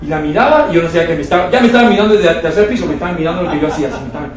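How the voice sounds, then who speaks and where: High-voiced preacher in an echoey hall. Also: male voice, racing, a loud crowd. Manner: animated storytelling with many repeated words. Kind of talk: sermon. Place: church hall. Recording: very echoey hall, voice far from mic.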